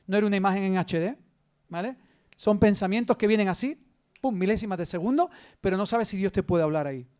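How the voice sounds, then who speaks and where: A man with an Andalusian Spanish accent preaching a sermon as pastor, moving between loud emphasis and hushed storytelling. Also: sits high, fast.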